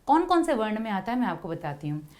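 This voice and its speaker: A woman teaching young children, explaining slowly and patiently, repeating letter sounds and pausing on fillers. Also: mid-range voice, very animated, a little mellow. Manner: frequent hesitation fillers. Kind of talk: Hindi lesson for children.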